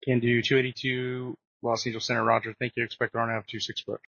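Atc guy, quick crisp-edged instructions over muffled dry radio. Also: mid-range voice, completely flat delivery, a bit bright, no echo. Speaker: air traffic controller.

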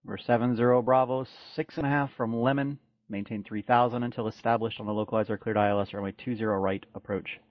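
A man's voice: medium pitch, fairly even intonation, fast, few pauses, no echo. A man working as an air traffic controller, speaking in procedural radio style on dull, lo-fi audio.

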